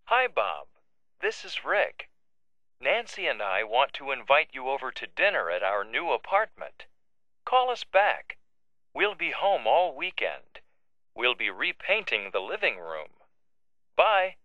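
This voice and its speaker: A man's voice: medium pitch, huge pitch swings, measured pace, no echo. An actor playing a man who leaves a casual, friendly voicemail message on an answering machine, in a scripted listening exercise. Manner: casual, clearly paced phone message. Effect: heard as a voicemail message on an answering machine. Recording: dull, lo-fi and dry.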